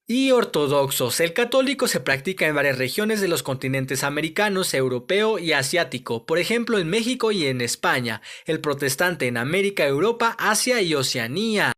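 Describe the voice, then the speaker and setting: A male primary school teacher, explaining a recorded lesson summary clearly and stressing key words. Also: fairly high pitch, fairly bright tone.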